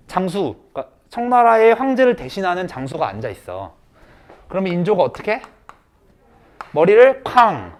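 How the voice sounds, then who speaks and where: A male high school history teacher giving a casual storytelling lecture, acting out characters in quick asides.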